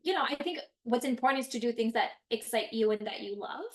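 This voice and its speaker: A woman's voice: fairly high pitch, quick pace. A woman from Canada whose first language is French, chatting animatedly as an actress guest. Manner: animated, expressive, laughs often. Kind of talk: casual chat.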